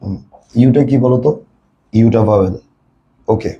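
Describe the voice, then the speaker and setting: A man's voice: lowish voice, normal speed, warm tone, lo-fi sound, slight background noise. A man with a Bangladeshi Bengali accent, teaching a classroom lesson and repeatedly quizzing his students with questions. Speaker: English tutor.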